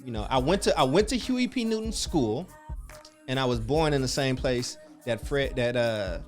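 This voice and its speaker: A man's voice: mid-range voice, expressive, normal speed, faint music behind. A man from the Chicago area, raised in Oakland, hosting a casual virtual happy hour and talking in an emphatic, slangy way. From born in Chicago area, raised in Oakland. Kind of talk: casual livestream chat reading comments.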